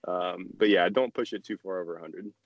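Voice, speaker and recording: A man's voice: sits low, fairly quick, no echo, lo-fi sound. A young man, a guest on a podcast, chatting casually and laid-back with lots of hesitant fillers. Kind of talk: casual chat.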